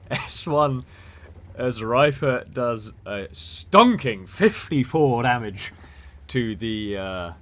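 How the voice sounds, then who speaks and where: A man giving excitable, stumbling commentary on a tank game replay. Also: on the low side. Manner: excitable, laughing, stumbles over words.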